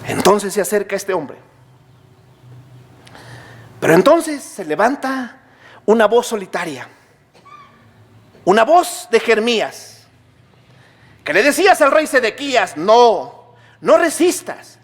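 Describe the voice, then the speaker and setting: A man preaching a sermon as pastor, asking his congregation questions and answering them himself, building to near shouts. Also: sits high, very animated, a little slow, pauses often.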